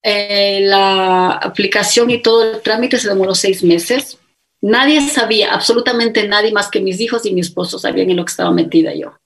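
A middle-aged woman telling her own story in a conversational interview, pausing on "eh" and restarting words. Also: mid-range voice, creaky, a bit bright.

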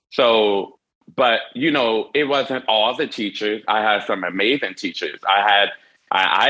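An earnest man with a bright, forceful voice that sits low tells candid personal stories as an interview guest. He wears hearing aids and speaks haltingly, with frequent restarts, on a low-quality recording.

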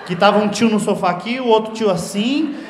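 A man with a high, quick voice performing stand-up comedy. He acts out the dialogue in his story and swears freely. His voice rings through a roomy live venue, with faint noise behind it. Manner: animated storytelling, acts out dialogue, crude slang. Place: comedy stage with live audience.

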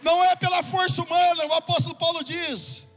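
Man, Brazilian accent, pastor, very high tense voice, fervent half-sung preaching, long church reverb, soft music behind. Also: little pitch movement, a little fast. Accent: Brazilian Portuguese. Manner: fervent, rising into sung preaching, slangy and chatty in stories. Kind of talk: sermon with personal testimony. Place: church hall.

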